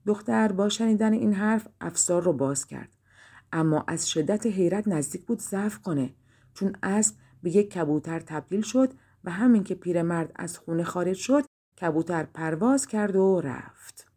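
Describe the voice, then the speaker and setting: Low, mellow woman narrating a fairy tale. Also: animated, slightly rough. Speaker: audiobook narrator.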